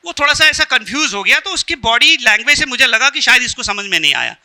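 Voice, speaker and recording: A man's voice: very high voice, very animated, fast talker, sharp tone. A man with an Indian accent giving a motivational talk to an audience, telling jokes and asking questions. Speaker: spiritual speaker.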